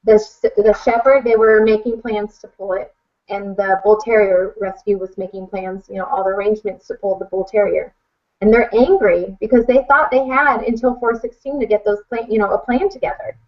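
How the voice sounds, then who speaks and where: Appearing as a podcast guest, a woman who advocates for animal rescue gives a casual personal account, speaking frankly and with emphasis. Her voice is medium-pitched and steady, at a normal speed. The podcast recording sounds dull and lo-fi.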